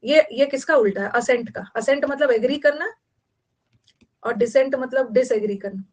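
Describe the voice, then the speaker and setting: A woman's voice: high-pitched, moderate pace. A woman teaching an online English vocabulary class, explaining each word in mixed Hindi and English and repeating terms many times, with an Indian accent.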